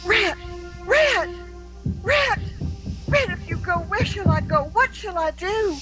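A pleading, melodramatic Southern belle in a radio spoof. Her voice is extremely high and slow, with faint music behind. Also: animated, full character voice. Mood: desperate. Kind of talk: radio promo parody sketch.

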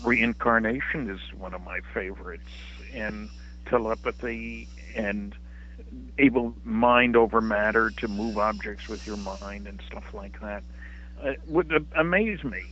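Male guest expert for radio interview; rambling, reflective, sharp tone, lo-fi line. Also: lowish voice, unhurried, a little hiss or hum. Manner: musing, discursive, rhetorical. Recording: dull, band-limited radio line.

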